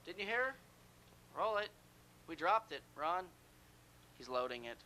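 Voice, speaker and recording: A man's voice: on the high side, sing-song, a little slow, pushed and bright, a little hiss or hum. A man in a TV control room giving terse, exasperated off-air cues.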